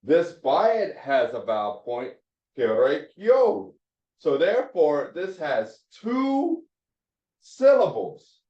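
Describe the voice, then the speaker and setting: A man teaching a Hebrew phonics class, explaining slowly and repeating his points as he writes on a board. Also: on the high side, very animated, warm tone. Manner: slow, repeats points, restarts mid-sentence. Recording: echoey room, dull lo-fi sound.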